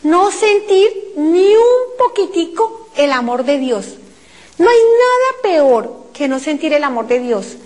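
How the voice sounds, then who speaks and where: High-pitched Colombian woman preacher, emotional testimony, cries out her pleas. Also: sing-song, takes it slowly, darkish tone. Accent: Colombian Spanish. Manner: addresses listeners as brothers. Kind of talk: impassioned testimony talk.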